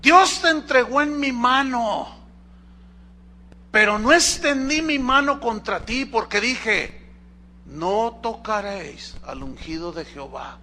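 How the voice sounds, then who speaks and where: A man's voice: very high-pitched, slow pace, sharp tone, full character voice. A man with a Mexican Spanish accent voicing a young male shepherd who pleads emotionally with a king in a raised voice. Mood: pleading.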